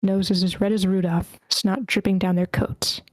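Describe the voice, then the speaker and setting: A woman reading a screenplay's scene directions aloud at an online table read, steady but stumbling over character names. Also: mid-range voice, measured pace, no room sound. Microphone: computer mic in an online meeting.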